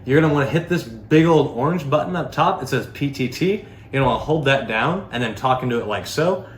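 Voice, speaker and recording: In a slightly quick, animated, mid-range voice, a man who reviews products rambles casually through an unscripted demo, leaning on filler words. The audio sounds roomy and echoey, with a faint hum of background noise.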